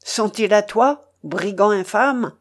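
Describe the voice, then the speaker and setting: A furious old rear admiral thunders out his accusations , read aloud by a woman. His booming, indignant voice leaps up and down in pitch, full of outrage. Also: expressive, moderate pace, darkish tone.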